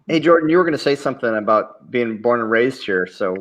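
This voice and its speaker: A man's voice: mid-range voice, lively intonation, fairly quick, a bit bright, rough recording. A man hosting a casual show chat, upbeat and asking guests questions. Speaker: host.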